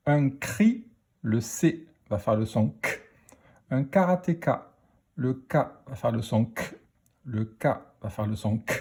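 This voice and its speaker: A man teaching a phonics lesson to children, speaking slowly and deliberately as he spells out letters and sounds. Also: mid-range voice, a little mellow, husky.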